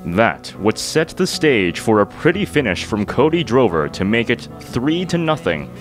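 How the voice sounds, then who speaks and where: A man narrating a sports feature in a measured, composed scripted voice-over. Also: medium pitch, very animated. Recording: voice-over with guitar music behind.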